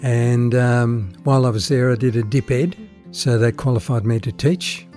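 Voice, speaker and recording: A man's voice: medium pitch, moderate pace, warm tone, soft background music. An older man with an Australian accent, born in the Netherlands, chatting hesitantly about his life as a climate activist with lots of ums. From born in the Netherlands, raised in Australia. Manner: chatty, hesitant with many ums, laughs at his own stories. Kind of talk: casual storytelling. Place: outdoors on a street corner.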